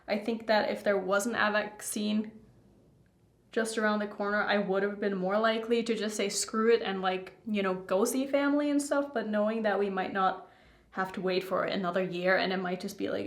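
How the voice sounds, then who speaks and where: A young adult woman rambling candidly to her viewers in a casual makeup vlog. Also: mid-range voice. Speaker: beauty YouTuber. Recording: roomy indoor echo.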